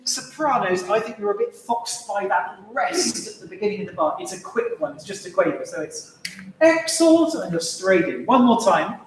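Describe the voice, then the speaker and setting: Male choir director, light high voice, brisk and wry, heard from far off in an echoey hall. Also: animated, a little hiss or hum. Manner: brisk, wry and encouraging, sings phrases to demonstrate. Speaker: choir conductor. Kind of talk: choir rehearsal instruction. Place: large echoey rehearsal hall. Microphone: distant room microphone.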